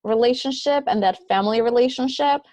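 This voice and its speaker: A woman's voice: fairly high pitch, fairly quick, a little mellow, no echo. A woman from Albania hosting a podcast, asking long questions that she rephrases as she goes. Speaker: podcast host. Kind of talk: interview questions.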